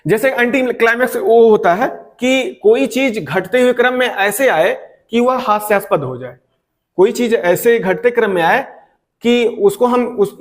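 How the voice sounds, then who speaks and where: A man teaching an exam-prep lecture, reading each question slowly and then explaining it again and again. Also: high-pitched. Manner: reads questions aloud slowly, then explains at length with many repetitions.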